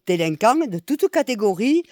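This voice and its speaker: A middle-aged woman from Nîmes speaks with a strong southern French accent. She rants in a heated, repetitive way, swearing and breaking into loud outbursts. The sound is dry, with no room echo. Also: on the high side, sing-song, moderate pace. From Nîmes, southern France. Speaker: expatriate venting online. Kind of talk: angry political rant.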